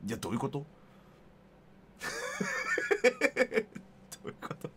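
Male streamer, slightly high, bright and forceful, excitable gameplay commentary. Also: slow pace, slight background noise. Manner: excitable, laughing, jokey reactions. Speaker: game streamer.

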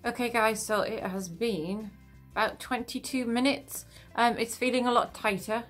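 A woman's voice: on the high side, fairly even intonation, normal speed, soft background music. A woman vlogging casually to camera while wearing a wet face mask, chatty and thinking aloud. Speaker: beauty vlogger. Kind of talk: casual vlog chat to camera.

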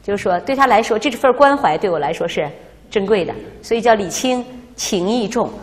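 A woman teaching a language class, explaining words and quizzing her students in a lively way, recorded in a classroom. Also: medium pitch, brisk. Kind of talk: classroom lecture. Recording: reverberant classroom.

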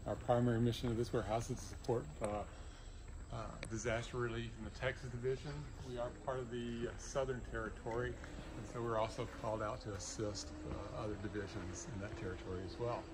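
A man from a disaster relief organization explaining a warehouse in a halting, informal way, with many fillers and restarts. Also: medium pitch, level tone, noisy background. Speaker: disaster services warehouse staff. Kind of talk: informal guided tour explanation.

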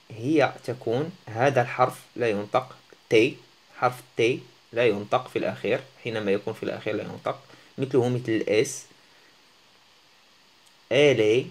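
A man of ordinary pitch gives a language lesson. He talks patiently and repeats each word several times, often breaking off and restarting. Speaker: French teacher. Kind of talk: language lesson for Arabic speakers.

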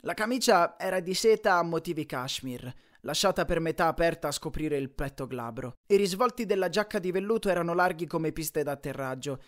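Brief: expressive male storyteller reading a novel aloud, pitch moving a lot. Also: a little fast, hardly any pauses. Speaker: audiobook narrator. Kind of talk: scripted first-person audiobook narration.

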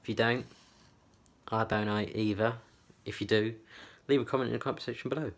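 A man's voice: on the low side, steady tone, a little fast. A man chatting to camera from his small bedroom, rambling and repeating himself with lots of fillers. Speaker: vlogger. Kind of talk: casual chat to camera. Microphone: camera on a tripod.

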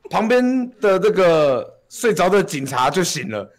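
A man spins a goofy made-up tale in a group story game. His voice sits a bit high and swings widely in pitch, and he often breaks into laughter. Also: big pitch swings, unhurried. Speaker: streamer.

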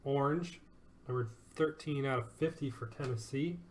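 A man's voice: medium pitch, normal speed, slight background noise. A man hosting a live sports card break, upbeat and joking as he calls out each card and who it goes to.

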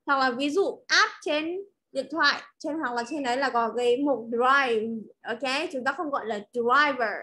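A woman from Vietnam with a Vietnamese accent, teaching English pronunciation over a video call, modelling words slowly and clearly before explaining them. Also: sits high, pushed and bright. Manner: slow drilled modelling of words, then quick explanations. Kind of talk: online class teaching.

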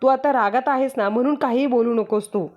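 A woman's voice: fairly high pitch, fairly quick, a little mellow, natural voice. A woman reading as a tearful worried mother. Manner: explaining, apologetic. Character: tearful mother of a sick son.

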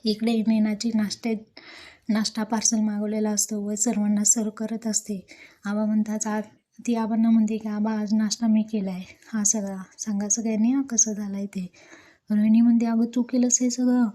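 Woman, serial recap storyteller, monotone delivery, very dark mellow tone. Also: mid-range voice, normal speed. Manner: flat, even storytelling with quoted lines. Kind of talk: retelling a TV serial episode.

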